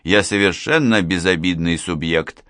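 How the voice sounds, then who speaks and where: A man's voice: deep voice, moderate pace, bright, forceful tone, no echo, clean studio sound. A man voicing a fretful, talkative retired postman, older and self-pitying, in an audiobook. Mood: plaintive. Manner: plaintive, wordy, self-pitying.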